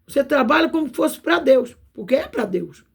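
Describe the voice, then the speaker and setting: Woman, Brazilian Portuguese accent, preacher, informal video sermon, gravelly fry, folksy tag questions. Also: sits high, animated, normal speed.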